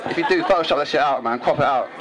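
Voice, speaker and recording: A young man with a South London accent works a small club as a comedian. His voice sits high, and his delivery is brash, cheeky and full of swearing. A noisy audience is clearly heard around his handheld mic. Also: racing. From South London, England. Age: 20s. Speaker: stand-up comedian. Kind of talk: stand-up comedy with crowd banter. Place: small indoor club stage. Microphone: handheld microphone. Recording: live club microphone, loud crowd.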